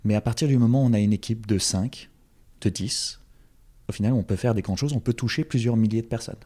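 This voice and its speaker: A man's voice: on the low side, a little fast, warm tone. A young man from France with a French accent, talking as an interview guest with many fillers and restarts. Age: young adult. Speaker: guest, former campaign organizer. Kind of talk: casual interview.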